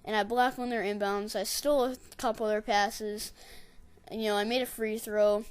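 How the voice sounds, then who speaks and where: A woman casually narrating her gameplay in a rambling, digressive way, and getting excitable when she tells a story. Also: medium pitch, moderate pace, clean tone. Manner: excitable, shouts catchphrases when retelling. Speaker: gameplay commentator.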